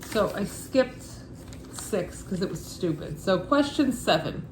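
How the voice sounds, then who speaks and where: A woman with a Brooklyn accent reads a study guide aloud as an informal lesson, casual and matter-of-fact, with offhand asides. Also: mid-range voice. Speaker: instructor reading a study guide. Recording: echoey room with faint background noise.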